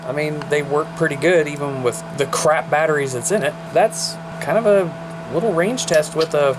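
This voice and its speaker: Man, slightly high voice, folksy gear reviewer, casual vlog with clearly noisy sound. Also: normal speed. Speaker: radio reviewer. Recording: noisy camera audio.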